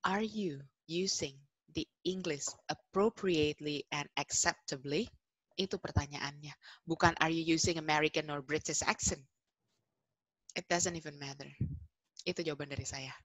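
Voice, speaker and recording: A woman English tutor answering webinar questions in a chatty, animated way, often correcting herself. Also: low voice, unhurried, no echo, low-quality recording.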